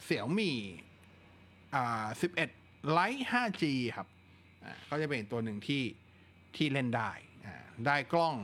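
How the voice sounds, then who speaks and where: A man hosting a casual live tech chat, relaxed and talkative, answering viewer questions with plenty of fillers. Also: a little high, slow. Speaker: tech livestream host.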